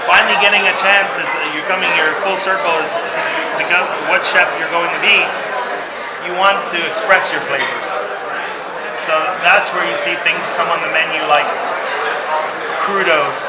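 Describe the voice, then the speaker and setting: A man who is a chef, talking in an interview, enthusiastic and rambling, with frequent restarts. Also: high-pitched. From San Francisco Bay Area. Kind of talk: casual interview talk. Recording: echoey room with loud background noise.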